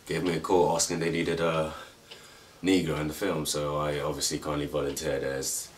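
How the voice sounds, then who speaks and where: A man answering in a hesitant, deadpan joking way, full of ums. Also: extremely low pitch, normal speed. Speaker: cast member. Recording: distant mic with faint noise.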